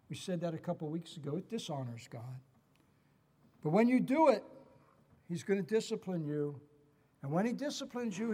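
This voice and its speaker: A man's voice: on the high side, warm tone, in a large hall. A middle-aged man preaching a sermon as pastor, earnest and emphatic, repeating key phrases.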